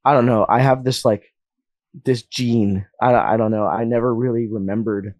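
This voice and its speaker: A man's voice: medium pitch, steady tone, normal speed, darkish tone, dry recording. A young man from Las Vegas, telling stories as a guest musician in a casual interview, with a rambling, filler-heavy way of talking. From Las Vegas, USA. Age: young adult.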